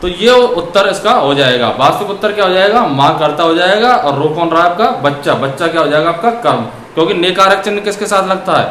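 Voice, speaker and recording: A high-pitched man teaching a grammar lesson, putting questions to his students and answering them himself. He stretches his words out slowly when dictating examples. The room echoes, and there is a faint hiss in the background. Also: animated, a bit bright.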